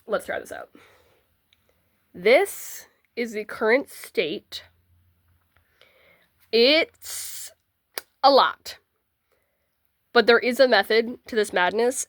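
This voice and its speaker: A woman's voice: mid-range voice, slow, long pauses, fairly bright tone, no echo, clean studio sound. Chatty congested teenage girl vlogging. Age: teens. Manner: chatty, bubbly, self-deprecating asides. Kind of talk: casual packing vlog.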